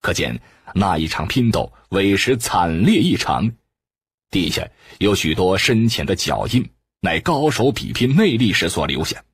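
A male audiobook narrator reading a wuxia novel in an expressive way. His voice is very husky and low, moving widely in pitch at an unhurried pace. The recording is dry and close. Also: no echo. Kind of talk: scripted narration of a martial arts novel.

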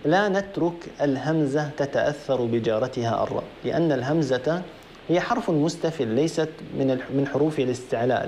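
Male recitation teacher, a little high-pitched, patient and methodical, chants examples slowly. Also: darkish tone, a little hiss or hum. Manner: methodical, repeats points and chants verses slowly to demonstrate. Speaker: Quran recitation teacher and program host. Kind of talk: tajweed lesson on a call-in broadcast.

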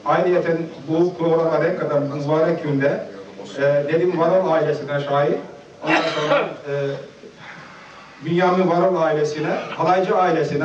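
A man in his fifties giving a halting, nervous speech at a gathering and reciting a heartfelt poem. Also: a little high. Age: 50s. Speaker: guest speaker at a farewell gathering. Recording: echoey, distant, dull lo-fi home video.

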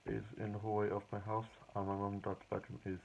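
A young British man chatting casually and quietly at home in the evening, rambling through his day for a diary vlog, filmed on a phone at arm's length. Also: on the low side, monotone, fast talker, vocal fry, highs cut off, a little hiss or hum. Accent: British English. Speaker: vlogger. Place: hallway home office, indoors at night. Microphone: phone or webcam at arm's length.

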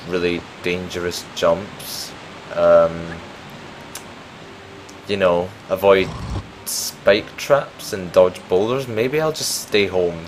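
A young man casually commenting on his gameplay as a let's play host, rambling and joking at his own expense. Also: low voice. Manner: chatty, rambling, self-mocking.

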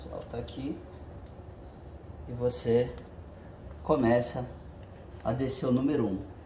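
Working with his hands in his home garage with the door open, a man who hosts a channel gives a casual how-to, explaining step by step and often checking with "tá?". His medium-pitched voice is steady and slow. The garage echoes and the background is noisy.

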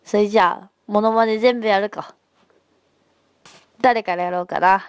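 A woman hosting a casual livestream and chatting to her viewers over a phone mic, playful and giggly, slipping into dialect and rough slang. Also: medium pitch, fairly even intonation, moderate pace, dry recording. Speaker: livestream host. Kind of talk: casual livestream chat reading viewer comments.

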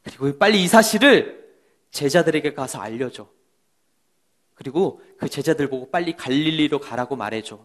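A man voicing an angel at an empty tomb in a children's Bible story, speaking in a gentle, coaxing way. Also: fairly high pitch, expressive, moderate pace, lightly acted. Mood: urgent joyful.

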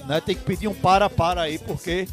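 A man's voice: high-pitched, fairly even intonation, a little fast. A Brazilian man giving casual live commentary on lots at an auction. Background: music.

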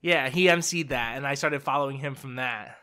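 A young man co-hosting a casual podcast chat, excitable and rambling with lots of fillers. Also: medium pitch, fairly quick, smooth. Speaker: podcast co-host.

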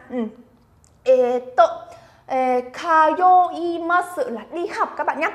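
A woman from Vietnam teaching Japanese vocabulary in a chatty, encouraging way, slowly repeating words for the learners to copy. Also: high voice, fairly bright tone. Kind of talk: lively vocabulary lesson.

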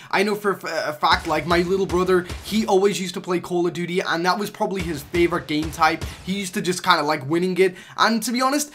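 A young male gaming YouTuber chats through the latest game news for his channel in a casual, rambling way, full of fillers and restarts. His voice is high and a bit bright.

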